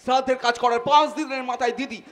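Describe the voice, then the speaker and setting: A man's voice: extremely high pitch, fairly even intonation, very fast, fairly bright tone. An actor playing an anxious young male relative with an urgent, earnest stage delivery, in live folk-theatre acting. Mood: reporting. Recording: live stage mic with music behind.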